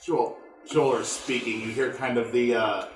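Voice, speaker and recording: A man's voice: medium pitch, fairly even intonation, moderate pace, distant mic. Man game master, roomy sound. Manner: hesitant, improvising. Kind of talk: casual tabletop game narration. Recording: roomy echo, music behind.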